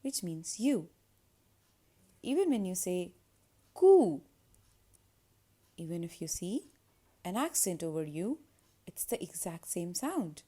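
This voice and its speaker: A woman giving a French pronunciation lesson at an unhurried pace. Her pitch rises and falls freely, and her tone is mellow. She says each French word twice with clear stress before explaining it. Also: sing-song. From India. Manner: repeats each French word twice, slowly and with stress, then gives the meaning.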